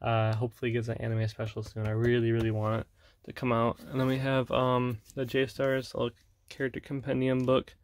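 A young man casually showing off his manga collection, rambling with fillers and soft laughs. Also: mid-range voice, monotone, fairly quick.

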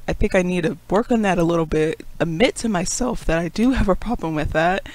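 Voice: mid-range voice, brisk, dry recording, low-quality recording. A webcomic creator in a casual, rambling vlog monologue, self-critical and laughing often. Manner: calls own rising talk a puppet voice.

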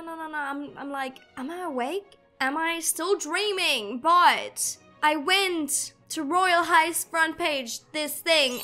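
A woman's voice: sits high, pushed and bright. A young woman giving gushing, emotional gameplay commentary as a gaming video creator.

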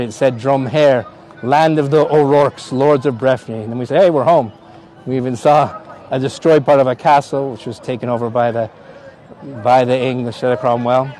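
At a hilltop park, a Canadian man in middle age hosts a casual outdoor tour-guide live stream, laughing frequently and welcoming viewers by name. He talks fairly quickly in a mid-range, slightly mellow voice with fairly even intonation and a Canadian accent. A phone on a gimbal held at arm's length captures him.

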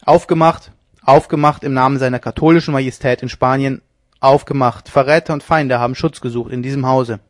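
A man's voice: mid-range voice, normal speed, no echo, clean studio sound, natural voice. A man reading an audiobook, voicing a reckless, mocking young lieutenant who talks in an exuberant, theatrical way. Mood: shouting. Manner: exuberant, theatrical, loudly teasing.

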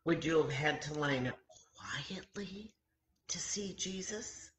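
Reading a story to children from her kitchen at home, this older woman in her 60s, a church story time host, speaks in a low register that's expressive and a bit bright. She phrases things simply and deliberately, pausing often, and the webcam audio sounds roomy.

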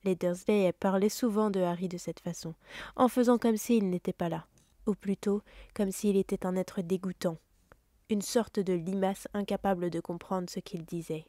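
A woman reading a children's novel aloud with steady, expressive storytelling. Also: mid-range voice, normal speed, no echo, clean studio sound. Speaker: audiobook reader.

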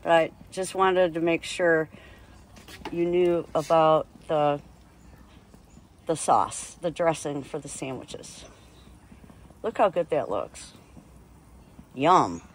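Out on a deck by the lake, a home cook grills and films herself on her phone, talking in a chatty, unhurried way with rambling asides for a casual vlog. Her voice is low, and the low-quality recording carries slight background noise.

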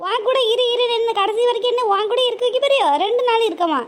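A woman voicing a scheming, impatient grown daughter, scolding in a sharp, nagging way. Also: extremely high pitch, fast, a little hiss or hum. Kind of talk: cartoon voice acting.

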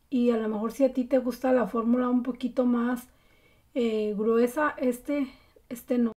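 In a relaxed, chatty makeup tutorial, a beauty vlogger talks her viewers through each step. Her voice is slightly high with a warm, mellow tone, and she drops in frequent fillers between steps.

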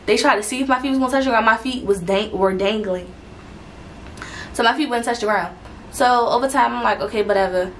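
Chatty young woman vlogging, slightly high. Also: a bit bright, a little hiss or hum, low-quality recording. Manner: chatty, rambling, with frequent restarts and fillers. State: out of breath. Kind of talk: casual talk to camera.

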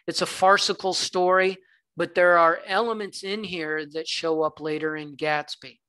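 A man's voice: a little high, pushed and bright. A man from the American South giving a conversational literature lecture, with some fillers, reading passages aloud. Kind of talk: recorded lecture.

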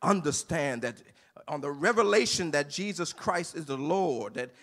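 A man preaching a sermon as pastor in a church sanctuary, moving from calm teaching to shouted, sing-song delivery. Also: on the high side, moderate pace.

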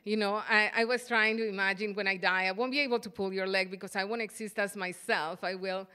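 A woman's voice: mid-range voice, fairly even intonation, pushed and bright, clean tone. Salvadoran-born woman lecturing at a podium. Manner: thoughtful, halting with frequent fillers. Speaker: artist giving a lecture. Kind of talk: lecture presentation. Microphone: podium microphone.

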